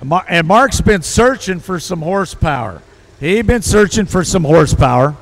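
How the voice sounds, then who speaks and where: A man's voice: high-pitched, lively intonation, moderate pace. A man working as a tractor pull announcer, giving live commentary on drivers and standings.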